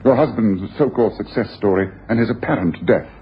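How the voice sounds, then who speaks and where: An actor playing Sherlock Holmes as a self-assured, incisive and domineering detective in a radio drama. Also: male voice, lowish voice, a little fast, natural voice. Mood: accusing. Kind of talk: 1980s radio drama acting. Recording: dull, noisy old radio broadcast.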